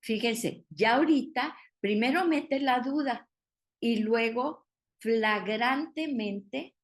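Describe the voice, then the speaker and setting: A woman's voice: on the high side, takes it slowly. A woman teaching a Bible study, explaining patiently and asking the group questions.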